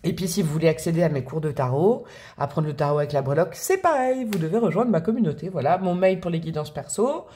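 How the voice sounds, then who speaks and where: A woman's voice: lowish voice, lively intonation, fast talker, warm tone. A woman from France hosting a casual tarot reading, chatty and bubbly with slangy, affectionate talk. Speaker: tarot reader and channel host.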